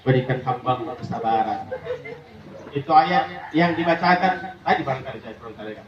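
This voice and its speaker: A man giving a humorous condolence sermon, acting out voices with high squeals and laughing often. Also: animated, moderate pace, crowd noise. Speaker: preacher at a memorial gathering. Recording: echoey hall, distant, muffled mic.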